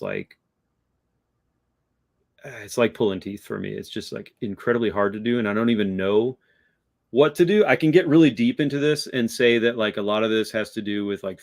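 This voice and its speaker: Reflective low-voiced man hosting. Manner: reflective, hesitant, many fillers. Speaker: host. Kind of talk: casual chat.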